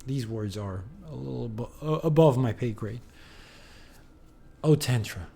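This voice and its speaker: A man's voice: medium pitch, fairly quick, vocal fry, mellow, breathy edge. A man streaming a game, reading in-game books aloud with wry, amused asides.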